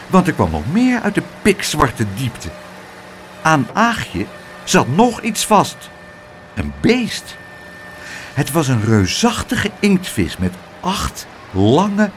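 A man reading a children's story aloud in a lively, expressive way. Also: mid-range voice, slight background noise. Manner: animated, expressive.

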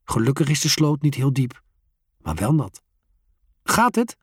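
A storyteller reading a children's story aloud, slowly and expressively. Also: mid-range voice, slightly rough, dry recording, clean studio sound. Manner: slow, expressive.

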